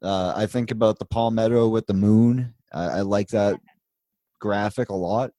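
A man's voice: lowish voice, fairly even intonation, moderate pace, mellow, no room sound. A man hosting a live show in casual chat, rambling along with easygoing asides. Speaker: host.

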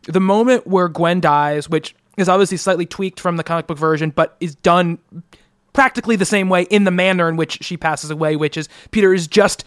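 A man with a high, quick voice talks through a film on a podcast, excited and emotional. The sound is dry and close, with hardly any room around it. He rattles along eagerly. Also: clean tone, no echo. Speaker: podcast host. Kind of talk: casual chat.

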